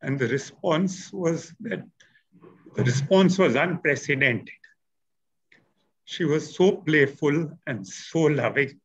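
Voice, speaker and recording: Emotional man speaking haltingly. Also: on the high side, animated, slightly rough, low-quality recording. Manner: halting, stammering restarts. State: choked with emotion. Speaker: guest speaker at a memorial.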